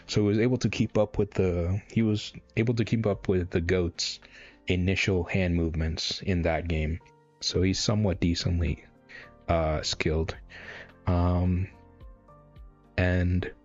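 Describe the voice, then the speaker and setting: A man's voice: low voice, darkish tone, muffled recording. A man casually reacting live to a webcomic, reading panels aloud and rambling with lots of fillers and restarts.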